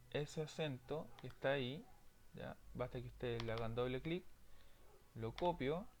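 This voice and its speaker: A man's voice: mid-range voice, slight background noise. A man teaching programming in a screen-recorded lesson, checking in often with his students. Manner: frequent "¿ya?" check-ins, explanatory.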